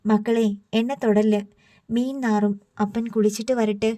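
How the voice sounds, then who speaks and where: A tired gruff fisherman father as a woman reads him, homely rough speech, fond, mellow tone, higher voice, audiobook. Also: flat delivery, moderate pace, natural voice.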